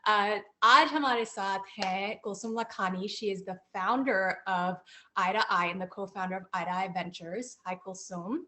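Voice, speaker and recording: A woman with a bright, clear voice hosts a casual roundtable. She is upbeat and chatty and greets guests warmly by name. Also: medium pitch, steady tone, moderate pace, slight background noise. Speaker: host. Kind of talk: casual talk-show hosting.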